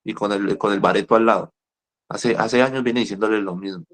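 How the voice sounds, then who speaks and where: A middle-aged man counseling people in recovery in a lively talk. He tells stories, repeats himself and speaks straight to his listeners. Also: on the low side, brisk. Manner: animated, repeats words, speaks directly to listeners. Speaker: rehab counselor. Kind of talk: motivational talk with storytelling.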